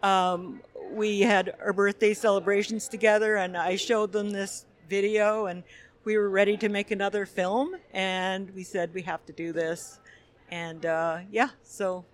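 Woman from quebec talking about her film, mid pitch, lots of uh's, relaxed festival chat. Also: a little slow. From Quebec, Canada. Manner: thoughtful, frequent uh fillers. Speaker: film director guest. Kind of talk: conversational interview.

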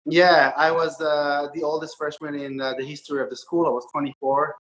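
A man's voice: fairly high pitch, brisk, echoey room, low-quality recording. A man from Israel in his thirties, a podcast guest talking casually with many ums and uhs. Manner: relaxed, frequent ums and uhs. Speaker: podcast guest, startup investor. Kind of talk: conversational interview.

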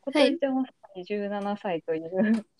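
A woman's voice: medium pitch, lively intonation, normal speed, darkish tone. A young adult woman hosting a podcast, chatting casually as she interviews a guest. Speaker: podcast host.

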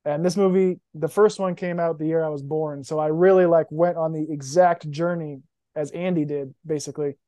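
A man's voice: fairly high pitch, steady tone, moderate pace, warm tone, no room sound. A young man co-hosting a podcast, chatting casually and with feeling about movies. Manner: emotional, enthusiastic about films. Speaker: podcast co-host. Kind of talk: casual chat.

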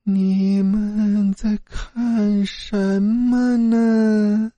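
A man voicing a hostile female ghost in blue robes, speaking in a slow, drawn-out, trembling way. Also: sits high, flat delivery, mellow, no echo, voice pushed up. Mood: eerie wail.

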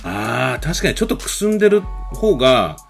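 A man's voice: medium pitch, sing-song, creaky, faint music behind. A male podcast host from the Kansai region of Japan, chatty and effusive in a friendly interview. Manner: chatty and effusive, quick reactions.

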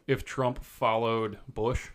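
A man hosting a podcast in casual chat, joking and sarcastic with quick asides. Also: medium pitch, flat delivery. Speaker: podcast host.

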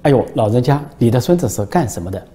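A man's voice: medium pitch, expressive, quick pace, dark tone, close to an everyday voice. A man voicing an eager newspaper reporter in a told joke, fawning and easily surprised.

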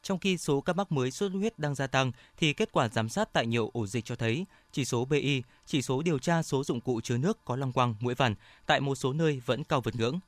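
A man reads scripted news bulletins as a radio presenter. His voice sits at a medium pitch, and his delivery is formal and measured. The recording is dry, without room sound. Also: no echo.

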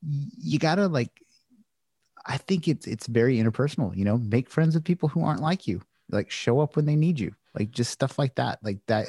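A man with a somewhat low voice tells loose, filler-heavy anecdotes in a relaxed podcast conversation. His voice is recorded dry and close-up. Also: dry recording. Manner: chatty storyteller, many fillers. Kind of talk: casual roundtable chat.

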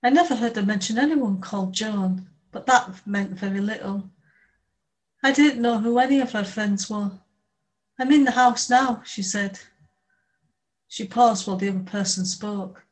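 A woman reading a first-person novel aloud in a steady, measured way. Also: medium pitch, low-quality recording. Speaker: audiobook narrator. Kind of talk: scripted first-person audiobook narration.

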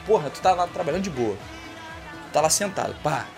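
A man with a Brazilian Portuguese accent hosting a comedy podcast, delivering a profane, animated rant monologue. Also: fairly high pitch, brisk, gravelly, over music.

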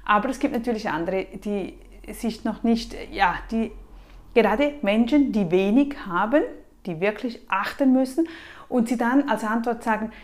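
A woman talks straight to the camera, handing out practical advice in a slightly high voice. She leans hard on key words, then lets her voice sink to a near murmur. The tone stays casual and direct throughout. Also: normal speed. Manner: emphatic and lively, with frequent soft drops in volume. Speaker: personal finance advice vlogger. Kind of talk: casual advice talk to the viewer.

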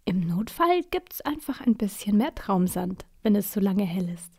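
A woman's voice: mid-range voice, sing-song, normal speed, husky. Woman doing a kindly whispering sandman. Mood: gentle. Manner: hushed, whispering. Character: kindly little sandman, gentle and secretive.

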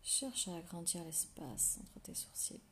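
A woman leads a guided relaxation meditation in a soft, intimate whisper right in your ear, giving slow, soothing instructions with long pauses. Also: lowish voice, animated, a little hiss or hum.

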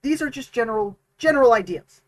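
High-voiced man in halting podcast chat. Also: animated, dry recording, low-quality recording. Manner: rambling, halting, with many restarts and fillers. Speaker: podcast co-host, dungeon master. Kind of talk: casual chat.

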